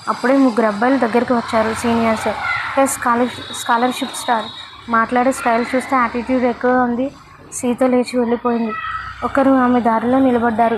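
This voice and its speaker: A woman storyteller narrating a dramatic love story in a measured, emotional way. Her voice sits fairly high, and faint noise runs underneath.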